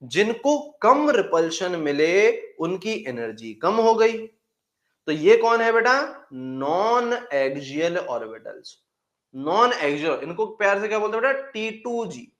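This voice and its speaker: A male chemistry teacher with a slightly high, very animated voice that swoops up and down as he lectures. He keeps repeating key phrases and answering his own questions, and calls his students "beta". The sound is echoey, as if from a bare classroom. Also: slow pace, dull audio. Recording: echoey room.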